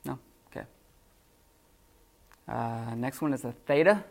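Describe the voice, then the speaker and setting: A man teaching a classroom lesson off the cuff, halting with many fillers and restarts. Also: medium pitch, expressive, creaky. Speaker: Greek teacher.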